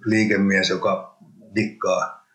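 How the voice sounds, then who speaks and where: Interview guest: a man, a low voice and halting speech, recorded in an echoey room. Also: flat delivery, fairly bright tone. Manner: rambling, halting, with many restarts. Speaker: interview guest, former professional hockey player. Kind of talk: casual interview. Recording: roomy echo.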